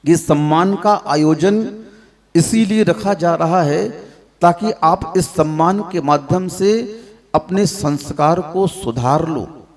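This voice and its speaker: A man preaching a sermon, scolding his listeners with sharp rhetorical questions. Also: on the high side, slow. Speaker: Jain monk preacher. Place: large hall at a public event. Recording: long hall reverb.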